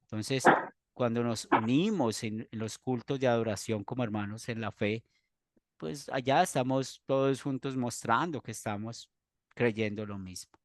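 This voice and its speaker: A man, a pastor teaching a church doctrine class in an earnest, explanatory way with pauses and restarts. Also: mid-range voice, dry recording, clean studio sound.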